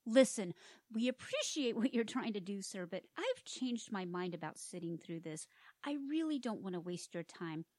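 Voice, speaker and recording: A woman playing a lively vacationing wife. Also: medium pitch, moderate pace, no echo, close to an everyday voice. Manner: expressive, lively delivery.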